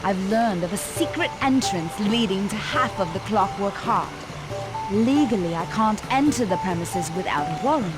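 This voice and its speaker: A mid-pitched female voice performed by an actress as a sly cartoon police constable. She is poised and flirtatious, a video game schemer with loud music behind her. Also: animated, normal speed, close to an everyday voice, rough recording. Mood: teasing, poised.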